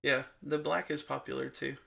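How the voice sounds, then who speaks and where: A man's voice: medium pitch, normal speed, creaky, background noise. A young man co-hosting a podcast, talking casually and rambling with lots of fillers. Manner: rambling, relaxed, many fillers and restarts. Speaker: podcast co-host. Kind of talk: casual chat.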